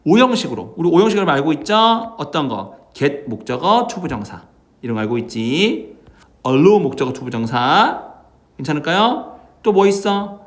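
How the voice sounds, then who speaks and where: Guy teaching english vocab for exam prep, kinda high voice, bouncy pitch, keeps asking "got it?". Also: moderate pace. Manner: lively, asks students constant check-in questions.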